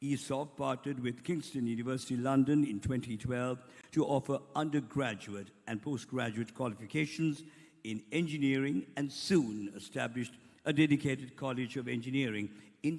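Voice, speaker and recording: A man's voice: mid-range voice, moderate pace, a little mellow, breathy edge. A man with a Sri Lankan accent speaking formally as master of ceremonies, making scripted announcements at a ceremony. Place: large hall, over a PA system. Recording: echoey hall with long reverb.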